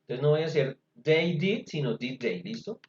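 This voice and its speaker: Patient male tutor, slightly raised pitch, dull roomy video-call sound. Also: animated, normal speed, darkish tone. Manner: patient, explaining step by step. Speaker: English tutor. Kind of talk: virtual class teaching.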